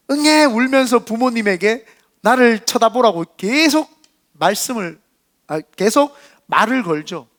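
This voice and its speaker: A man delivering a Sunday sermon from a church sanctuary, his voice pitched high and swinging widely up and down. He talks to the congregation in a lively, conversational way and slips in playful asides. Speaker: senior pastor.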